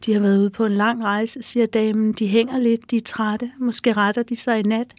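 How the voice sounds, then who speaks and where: Woman author, soft measured reading, fairly high voice, dry close sound. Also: little pitch movement, no room sound. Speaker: author reading from her novel. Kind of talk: reading aloud from a novel.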